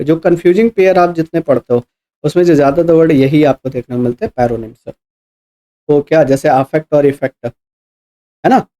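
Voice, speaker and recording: A man with a Hindi accent runs an exam-prep English vocabulary lesson, lecturing step by step. His voice sits slightly high and sounds mellow and relaxed. He repeats key points and keeps asking rhetorical questions to his students.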